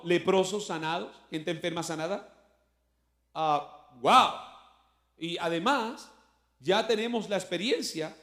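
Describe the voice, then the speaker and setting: A man's voice: sits high, a bit bright, roomy sound. A male pastor, preaching a sermon in a conversational way, full of rhetorical questions, and rising in force when he quotes scripture. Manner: voice swells when quoting scripture.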